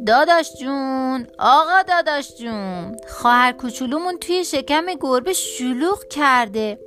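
A woman voicing a clever, cheeky male mouse in a children's storybook, calling out quickly in a playful voice. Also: high voice, lively intonation, faint music behind. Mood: sly. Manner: quick, shouting, playful tricks.

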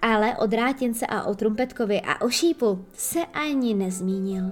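A woman reading a children's story aloud with lively, gentle storytelling. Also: a little high, soft background music. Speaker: narrator.

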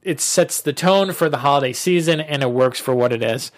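A man in his thirties hosts a casual movie podcast with a fairly high voice. He gushes about films and doubles up his words whenever he gets worked up. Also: brisk. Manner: enthusiastic, repeats himself when excited. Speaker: podcast host. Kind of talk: casual film chat.

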